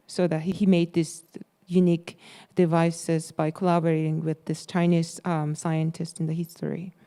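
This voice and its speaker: A woman's voice: on the low side, dark tone, smooth. A woman presenting design projects in a casual, hesitant way, with many fillers and restarts. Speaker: course presenter.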